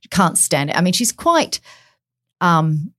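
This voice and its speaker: A woman's voice: on the low side, big pitch swings, unhurried, fairly bright tone, no room sound, clean studio sound. A woman chatting as a royal commentator, talking through frequent fillers and restarts. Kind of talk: casual radio chat.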